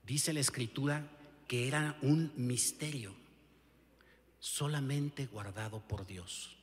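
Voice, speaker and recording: A man's voice: mid-range voice, takes it slowly, long reverb tail. A male pastor with a Mexican Spanish accent preaching a sermon emphatically, often turning to the listener with rhetorical questions. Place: church sanctuary.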